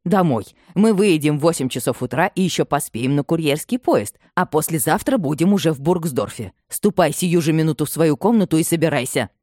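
A woman voicing an imperious, domineering aristocratic mother who scolds in a shrill, commanding tone. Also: big pitch swings, moderate pace, a little mellow, dry recording, studio quality.

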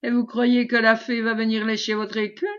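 Sneering skeptic man, voiced by a woman reader, slightly high, dull lo-fi audio. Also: level tone, a little fast, a bit bright, close to an everyday voice. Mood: scornful. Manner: sneering, scornful. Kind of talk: audiobook character reading.

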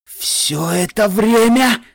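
A man's voice: sits high, slow, creaky, voice pushed up, full character voice. A man voicing a wounded, distraught dragon. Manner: pleading and alarmed. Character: huge wounded young male dragon, gentle. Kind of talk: fan audiobook reading.

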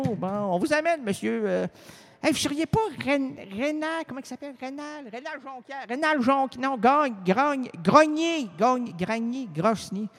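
Man doing a high-voiced Quebec French cop, bumbling, rambling, mangles names, comedy radio sketch. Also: fairly bright tone. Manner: rambling, stumbling over words, mangling names. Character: bumbling rambling male small-town police officer.

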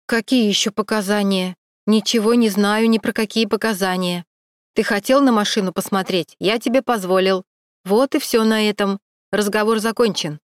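A woman's voice: medium pitch, steady tone, moderate pace, no room sound, studio quality, lightly acted. A woman voicing a nervous male security guard who mumbles, pleads and dodges.

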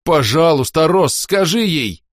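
A man's voice: a little high, animated, a little slow, no room sound, studio quality, voice pushed up. A man voicing a cowardly, sneaky male shadow spy who pleads and fawns in panic, in an audiobook. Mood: panicked.

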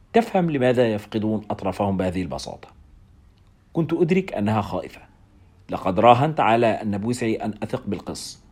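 A man reading a novel aloud, with wry, expressive first-person narration. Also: lowish voice.

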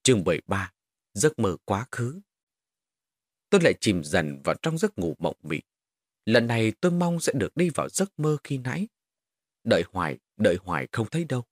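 A man narrates a first-person horror story with dramatic, expressive delivery. His voice is husky, his intonation rises and falls a lot, and the recording is close and dry. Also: lowish voice, normal speed, long pauses, no echo.

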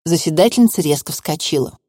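Lady reading a novel aloud, measured and expressive, dry no-room sound. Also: sits low, dry recording. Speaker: narrator. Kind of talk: audiobook reading.

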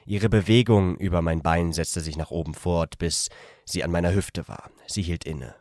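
A man reading a story aloud in a plain, unpolished way, breaking off for quick asides. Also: deep voice, fairly even intonation, darkish tone, no room sound, studio quality.

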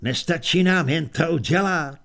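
A man voicing an elderly barbarian hero who speaks slowly and declaims his lines. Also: a little high, creaky, fairly bright tone. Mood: grumbling.

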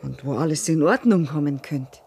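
A woman playing a calculating village widow in a radio play, speaking in a flat, plotting way. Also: deep voice, moderate pace, a little hiss or hum. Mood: scheming. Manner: matter-of-fact, plotting.

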